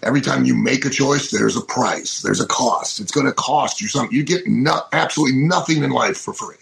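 A man's voice: medium pitch, fairly quick, gravelly, a bit bright. A man co-hosting a talk show, speaking bluntly and lecturing with scoffing remarks. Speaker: podcast co-host, wrestling trainer. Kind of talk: casual opinionated chat.

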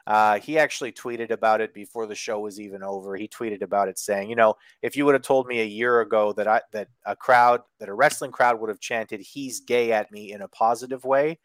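A man's voice: lowish voice, fairly even intonation, a little fast, hardly any pauses, fairly bright tone, no echo. A man co-hosting a podcast over an online call, recapping wrestling with sarcasm, swearing and lots of ums. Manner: sarcastic and profane, frequent ums and restarts. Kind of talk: casual chat.

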